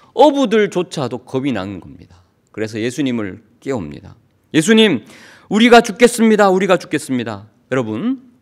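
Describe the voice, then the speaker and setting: A man's voice: a little high, a bit bright. A male pastor preaching a sermon, asking the congregation questions and acting out the disciples' pleas.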